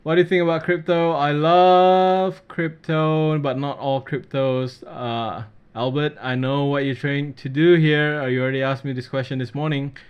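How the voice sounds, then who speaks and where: A man hosting a live trading webinar, reading out viewer questions and answering them in a casual, relaxed way. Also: on the high side, moderate pace, few pauses, clear, resonant tone, highs cut off. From Australia.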